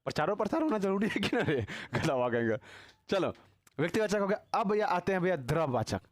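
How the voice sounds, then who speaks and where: A man's voice: high voice, very animated, a little fast, dry recording, studio quality. A man teaching a casual grammar class, teasing and quizzing his students with constant tag questions.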